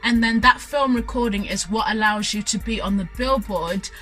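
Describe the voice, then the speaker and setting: A woman's voice: mid-range voice, moderate pace, pushed and bright, soft background music, low-quality recording. Gushing young woman. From Zimbabwe. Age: young adult. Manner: gushing, enthusiastic, lots of fillers. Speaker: student vlogger. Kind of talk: casual vlog storytelling.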